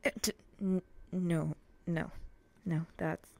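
A woman playing a brooding, vengeful samurai in an ASMR role-play, speaking in a breathy, terse, deadpan way. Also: on the low side, takes it slowly. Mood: guarded, bitter. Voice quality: breathy, often dropping in a soft voice.

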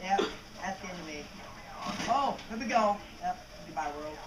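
Frantic guy yelling game callouts. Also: sits high, lively intonation, normal speed. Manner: frantic, shouts calls for help and warnings. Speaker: co-op gaming partner. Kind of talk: casual gameplay banter. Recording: distant from mic, echoey and noisy.

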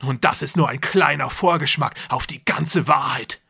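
A man voicing a cruel, deluded young man who believes he is a god, speaking loudly and feverishly. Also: mid-range voice, moderate pace, gravelly, slightly rough, voice pushed up, exaggerated voice. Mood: raving menacing. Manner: loud, intense, feverish delivery.

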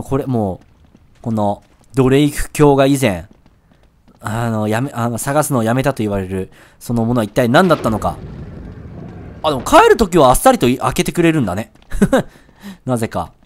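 Excitable man yelling at a game. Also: medium pitch, normal speed, pauses often, a little hiss or hum. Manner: excitable, yelps and swears at enemies. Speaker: let's-play gamer. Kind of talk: live game commentary. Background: game audio and music.

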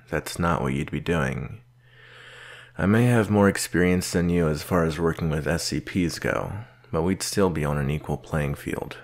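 In a slow audio roleplay addressed to the listener, a man with a gravelly bass voice plays a gruff, solitary research doctor. His delivery is measured, dry and curt, that of a stern but patient mentor.

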